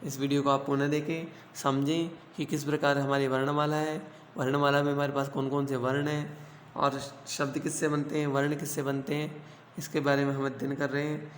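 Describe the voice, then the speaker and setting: A man's voice: mid-range voice, level tone, fairly quick. A man teaching a grammar lesson to school students, asking questions aloud, answering them himself and repeating the key points. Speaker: Hindi teacher. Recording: echoey room with long reverb and faint hiss.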